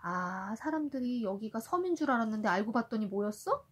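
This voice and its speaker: A woman reading a picture book aloud to a toddler in an expressive storytelling style. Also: on the high side, a little fast, husky, muffled recording.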